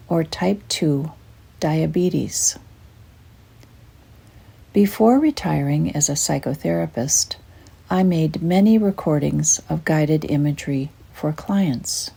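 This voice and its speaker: Guiding listeners through meditation, an older woman speaks slowly and calmly in a low, soft voice that is breathy and husky, gentle and soothing.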